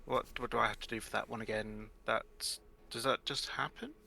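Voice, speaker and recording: A man's voice: medium pitch, steady tone, moderate pace, gravelly, sharp tone. A man chatting casually as a player in a tabletop game.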